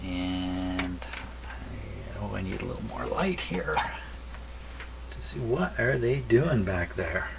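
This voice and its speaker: A radio repair hobbyist presents as he tests a radio, giving casual workbench commentary and often muttering to himself. His voice is fairly low, slow and gravelly, and the recording is noisy with electrical hum.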